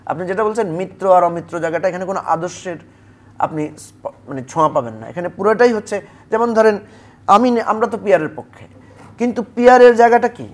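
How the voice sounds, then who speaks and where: A man's voice: high voice, fairly quick. A man debating politics as a guest on a television talk show, arguing with rhetorical questions.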